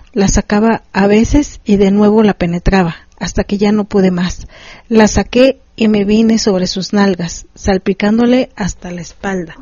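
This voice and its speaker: A woman, a podcast host reading a story aloud in a steady, unhurried way and chatting casually. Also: mid-range voice, no room sound. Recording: dry, slightly dull sound.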